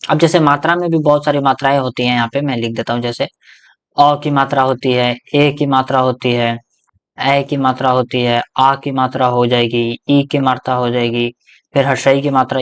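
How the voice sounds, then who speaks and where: Teacher, man, explaining step by step in question-and-answer style, always checking the class follows. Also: on the high side. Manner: asks the class questions and answers them himself. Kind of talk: explanatory grammar lesson.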